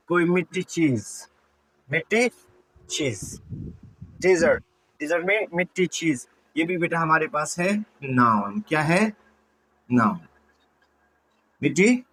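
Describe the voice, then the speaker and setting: A man's voice: a little high, fairly bright tone, low-quality recording. A man teaching English vocabulary, repeating words and asking and answering his own questions to his students. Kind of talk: classroom-style lesson explanation.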